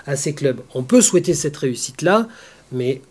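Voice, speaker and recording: A man arguing a point calmly on a sports discussion panel. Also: on the high side. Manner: measured, argumentative.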